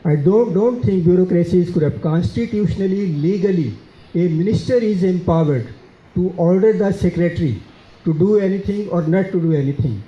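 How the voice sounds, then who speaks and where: In a dull, echoey conference hall, a man with a Pakistani accent takes audience questions. His high, mellow voice halts often, full of fillers and repeated words.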